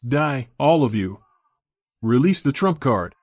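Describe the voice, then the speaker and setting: A man's voice: mid-range voice, very animated, slow, darkish tone, no room sound. A man voicing a hot-headed villainous henchman in an overacted, melodramatic English dub. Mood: enraged.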